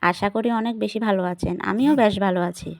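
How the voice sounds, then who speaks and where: A woman's voice: medium pitch, fast talker, creaky, no room sound. A young adult woman, narrating a vlog voice-over in a chatty vlogger manner that addresses viewers directly. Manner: chatty vlogger, sharing family moments and asking viewers questions.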